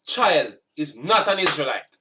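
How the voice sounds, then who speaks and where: A Jamaican man giving casual sitdown commentary on scripture, forceful and scolding, often repeating himself. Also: on the high side, very animated, a little slow, recorded from a distance, noisy background. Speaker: religious commentator.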